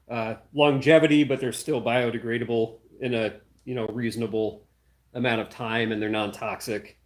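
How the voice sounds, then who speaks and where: Young male maker, mid-pitched voice, loose unscripted chat while tinkering at the bench. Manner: rambling, thinking aloud with many fillers; working hands-on while talking. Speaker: maker hosting a livestream. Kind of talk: casual livestream chat. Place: home workshop.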